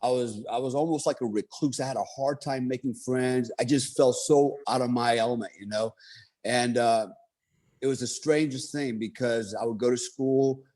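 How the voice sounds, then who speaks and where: Man, fifties, mid-range pitch, motivational speaker, personal storytelling, rambling with fillers and asides. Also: fairly even intonation, moderate pace, darkish tone. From Germany. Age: 50s.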